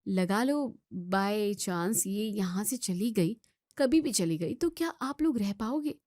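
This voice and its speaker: A woman with a mid-range, darkish, expressive voice speaks slowly in clean studio sound with no echo. In Hindi family drama voice acting, she plays an outspoken young student daughter defending her sister-in-law, scolding and arguing with emphatic questions in a firm, reproachful mood.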